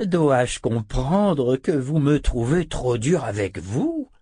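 A man reading a French audiobook, voicing a sly, theatrical male wizard who speaks slowly and deliberately with mock sincerity. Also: medium pitch, sing-song, darkish tone, no echo, clean studio sound, voice pushed up. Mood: slow, smug.

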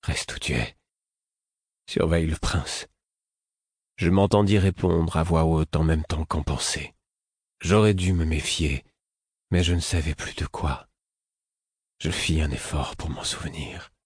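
A man giving measured first-person narration for an audiobook. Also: rumbling low, fairly even intonation, a little mellow, husky, no room sound, studio quality.

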